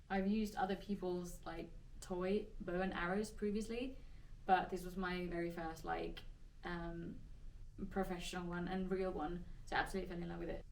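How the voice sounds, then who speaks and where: A woman's voice: lowish voice, far from the mic, slight background noise, low-quality recording. A woman from Finland with a Finnish accent, answering Q&A questions in a chatty, hesitant way with many restarts. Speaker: actress. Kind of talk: casual Q&A answers.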